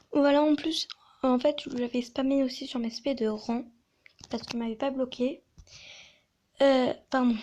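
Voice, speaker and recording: Soft-spoken, hesitant young woman. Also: on the high side. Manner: hesitant, many fillers and restarts. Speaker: video creator. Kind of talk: casual storytime video.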